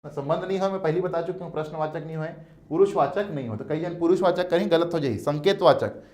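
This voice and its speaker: Animated Chhattisgarhi-accented male teacher. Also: fairly high pitch, fast. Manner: repeats key words, calls students "beta"; animated, emphatic. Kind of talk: exam coaching lecture.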